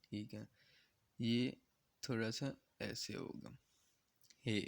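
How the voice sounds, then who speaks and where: A man's voice: mid-range voice, fairly even intonation, very slow, vocal fry. A man from Pakistan teaching a step-by-step lesson. He talks patiently and checks in with "okay" after nearly every point. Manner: patient, repeats "theek hai" to check understanding; encouraging, earnest in closing advice. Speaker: shorthand teacher.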